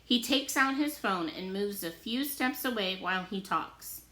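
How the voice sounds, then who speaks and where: A teacher reading a novel aloud to her listeners, giving the story plenty of expression. Her voice is bright and clear, and the room around her echoes noticeably. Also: medium pitch, expressive, unhurried. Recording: roomy echo.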